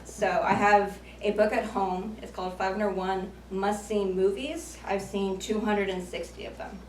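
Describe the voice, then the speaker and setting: A woman's voice: mid-range voice, steady tone, measured pace, slight background noise. A woman in her late twenties giving a prepared, self-deprecating speech with light jokes at a speaking club. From United States. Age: 20s. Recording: echoey room from far off.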